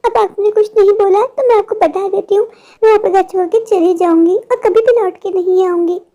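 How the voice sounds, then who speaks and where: A woman's voice: very high-pitched, fairly even intonation, brisk, dark tone. A woman voicing an indignant young daughter-in-law in a cartoon story, complaining about her in-laws. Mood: pleading.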